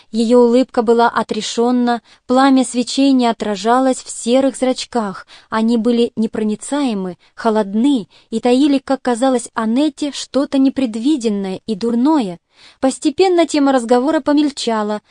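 A woman narrates a literary novel in a measured, expressive audiobook reading. Her voice is mellow and warm, a bit high for a woman. The recording is close and dry with no room sound. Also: no room sound.

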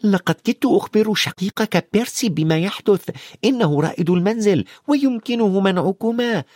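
A man's voice: high voice, animated, brisk, darkish tone, dry recording, clean studio sound, pitched above the performer's own voice. A man voicing a bossy know-it-all schoolgirl who scolds in urgent hisses, for an audiobook. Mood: scolding. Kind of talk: audiobook character voice.

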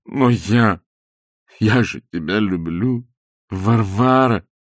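A man voicing a pompous, self-pitying middle-aged husband who whines in a slow theatrical drawl. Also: on the low side, dry recording, studio quality. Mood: whining drawl.

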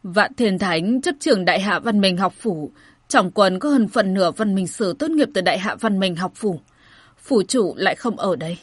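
A soft-spoken old steward calms down an angry general with patient explanations, in a woman's reading. The voice is husky. The sound is dry and close. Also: mid-range voice, normal speed, no echo. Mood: placating.

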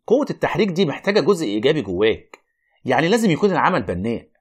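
A man's voice: on the high side, sing-song, very fast, breathy edge. An actor playing a wry, reluctant, learned Egyptian man who argues, explains and narrates in a radio play. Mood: explaining.

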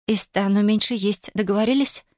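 A woman's voice: a little fast, no echo, studio quality, close to an everyday voice. A woman reading an audiobook, voicing a desperate, defiant young woman who cries out at her family. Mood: cheerful. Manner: emotional, rising to shrill cries. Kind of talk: audiobook character voice.

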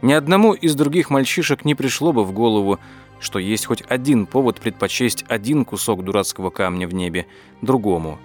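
A man reading an audiobook as its narrator, telling the story in a measured, even way. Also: medium pitch, soft background music. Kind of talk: scripted narration.

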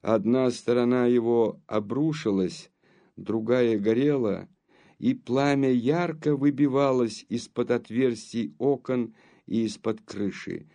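A man narrating a classic novel as an audiobook in a slow, measured storytelling manner. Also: mid-range voice, warm tone.

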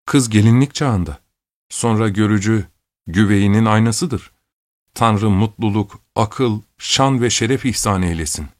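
A man's voice: fairly low pitch, measured pace, no echo, studio quality, natural voice. A man voicing an elderly, pious, talkative aunt who exclaims and pleads in an audiobook. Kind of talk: audiobook character voice.

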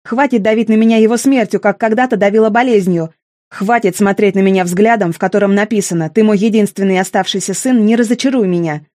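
A woman's voice: medium pitch, fast, dry recording, studio quality, natural voice. A woman voicing a cold, tired and bitter young man in an audiobook. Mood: bitter outburst. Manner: icy, tired, quietly bitter.

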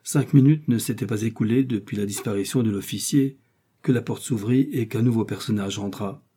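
A man narrating a classic novel as an audiobook, reading in a measured, steady way. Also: fairly low pitch, slightly rough. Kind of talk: scripted narration.

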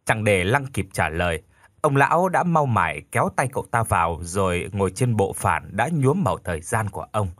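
Guy narrating a ghost story, lively pitch, kinda husky. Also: moderate pace, no echo, clean studio sound.

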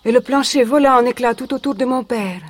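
An actress in a 1980s radio drama playing a young woman who was once a captive, telling her story in a measured, solemn way. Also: a little high, lightly acted. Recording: vintage radio recording.

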